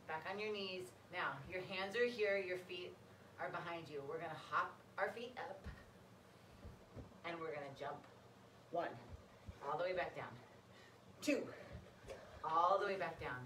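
A lowish-pitched woman coaches like an aerobics instructor, giving short commands and counting out moves with encouragement. She is exercising as she talks, some way from the mic in a large, echoing room with clear background noise. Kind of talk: aerobics instructor leading a kids' workout with short cues and counts. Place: large carpeted room with high vaulted ceiling, indoors. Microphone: camera a few metres away. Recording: roomy, distant mic, clearly noisy.

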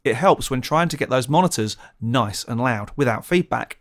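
A man's voice: medium pitch, animated, normal speed. Man explaining audio gear. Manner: clear, methodical explaining. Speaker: presenter of a gear channel. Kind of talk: scripted tutorial narration. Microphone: studio condenser mic, close.

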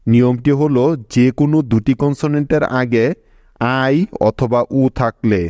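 A man's voice: mid-range voice, fairly even intonation, normal speed, dark tone, no room sound, highs cut off. A man giving a patient, scripted spoken lesson as an English pronunciation teacher, explaining step by step and checking in with learners.

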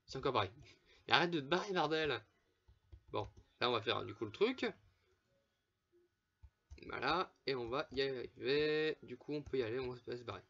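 A man gives loose, chatty commentary while he plays, swearing freely and laughing between remarks. His voice sits at an ordinary middle pitch. The recording is a bit dull and lo-fi, with mouse clicks in the background. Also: lively intonation, moderate pace, long pauses, pushed and bright. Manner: swears often, laughs, chatty asides to viewers. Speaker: gameplay commentator. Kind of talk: casual let's play commentary.

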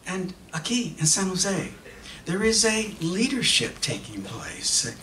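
A middle-aged man with a high-pitched voice reads a theatrical dramatic monologue from his script while standing at a podium onstage, alternating English and Spanish. He is emphatic and expressive, with deliberate pauses, at a stand microphone. Recorded distantly in an echoey hall, the clip has slight background noise.

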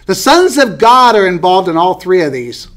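High-pitched middle-aged male Bible teacher, chatty, quizzes his small class. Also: very animated, moderate pace, fairly bright tone. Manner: conversational, asks the class questions, light laughs.

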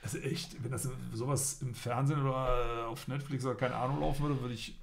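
A middle-aged man co-hosts a casual live stream from an indoor room seen on video, chatting, joking, and reading headlines aloud. His voice has medium pitch and fairly even intonation, and he talks quickly.

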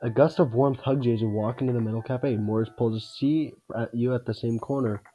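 A man's voice: medium pitch, fairly even intonation, fairly quick, mellow, highs cut off. A man reading a video game's story narration aloud as he plays. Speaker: gaming video creator, player. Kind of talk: scripted narration of game text read aloud.

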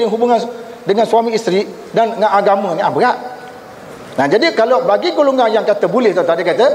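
A man delivers a religious lecture in a seminar hall. He tells lively stories, slips into the voices of the people he quotes and keeps calling out to his listeners. The sound carries a long, roomy hall echo with faint noise behind it. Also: high voice. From Malaysia. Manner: animated storytelling, acts out quoted voices, addresses audience as tuan-tuan.

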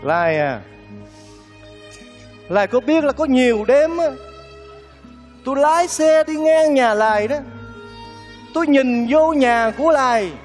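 Soft-hearted suitor, earnest and pleading, very high voice, big echoey stage hall with music under it. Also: male voice. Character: kindly lovesick middle-aged man courting a widow. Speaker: stage comedy actor. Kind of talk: stage comedy sketch.

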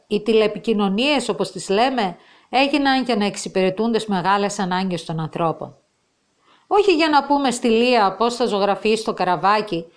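A woman reading a children's story from an old school reader aloud, voicing the characters' lines with extra expression. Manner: expressive reading, raising pitch and voice for the quoted characters.

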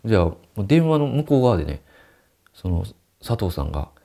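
A man's voice: on the low side, very animated, a little fast, vocal fry, mellow. A man telling a ghost story and acting out the quoted dialogue.

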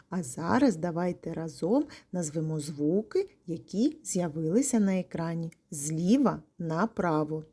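A woman teaching small children, speaking in a clear, coaxing way. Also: fairly low pitch, dark tone. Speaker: kindergarten teacher. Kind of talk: children's lesson.

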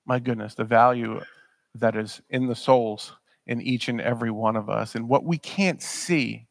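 With vocal fry in a medium-pitched voice, a man in his thirties preaches at normal speed from the pulpit of a church sanctuary. There's no echo, and he is earnest and forceful, repeating words as he presses each point.

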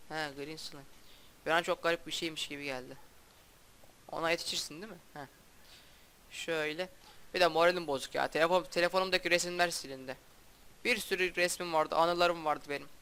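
A young man casually commenting on his own gameplay as a YouTuber, talking in a halting, stumbling way with frequent restarts and a flat, subdued delivery. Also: fairly high pitch, clean tone. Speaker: gaming YouTuber.

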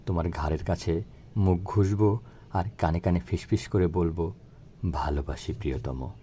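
Deep, mellow man reciting softly. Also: steady tone, a little hiss or hum. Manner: soft, tender and slow, sinking low on lines of love. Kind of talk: recited romantic poem-drama.

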